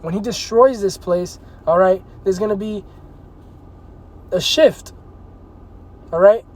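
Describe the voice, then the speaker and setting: A man giving a casual scripture read-through, emphatic and full of "all right?" and "man", reading the verses slowly and forcefully. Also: sits high. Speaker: bible teacher.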